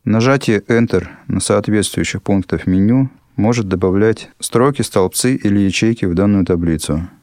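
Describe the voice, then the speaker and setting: A man reading scripted instructional narration as an instructor, in a measured, formal manner. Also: on the low side, darkish tone. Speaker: instructor narrating a software lesson.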